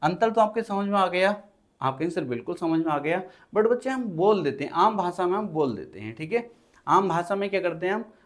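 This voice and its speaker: A man's voice: high voice, lively intonation. A man from India with a Hindi accent from Uttar Pradesh, teaching an exam-prep grammar lesson and answering his own questions in the students' voice. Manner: repeats key phrases slowly while writing on a board.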